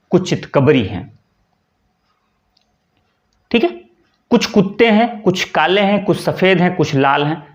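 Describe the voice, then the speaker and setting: Guy teaching exam grammar, voice jumps all over, asks himself questions, kinda lo-fi. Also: on the high side. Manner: explains with everyday examples and asks himself questions; repeats key words and says "ठीक है" often. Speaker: Hindi teacher. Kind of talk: exam-prep lecture.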